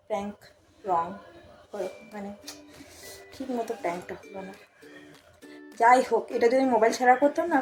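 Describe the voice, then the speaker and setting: A woman with a Bengali accent vlogging in a casual, chatty way, loud and animated, sometimes dropping to a hushed aside. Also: mid-range voice. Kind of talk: casual vlog chat.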